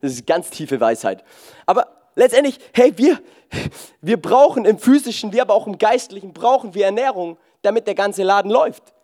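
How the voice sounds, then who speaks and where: A man with a high voice preaches in a loose, joking way. He keeps throwing in "hey" and swings between loud bursts and soft, slow lines. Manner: casual, jokey, peppers talk with "hey". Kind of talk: lively sermon.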